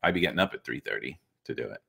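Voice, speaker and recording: A man's voice: very deep voice, animated, racing, gravelly, pushed and bright, breathy edge. A man co-hosting a podcast, rambling in an easygoing way. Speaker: podcast co-host. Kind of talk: casual chat.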